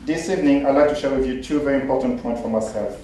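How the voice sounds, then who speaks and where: A man from Cameroon, a former footballer, gives a measured, formal speech in a mellow voice. The hall rings with heavy echo, and he is heard at a distance with faint noise. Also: medium pitch. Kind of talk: prepared speech at an event. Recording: very echoey hall, distant mic.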